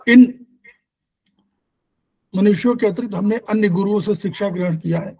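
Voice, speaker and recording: A man's voice: high voice, normal speed, mellow, low-quality recording. A man hosting an online class, introducing guests in formal, ceremonious phrasing. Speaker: class organizer and host.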